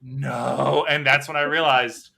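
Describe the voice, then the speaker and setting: A man hosting a casual podcast chat, telling stories in an animated, talkative way. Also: medium pitch, normal speed. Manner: chatty, animated storyteller. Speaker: podcast host.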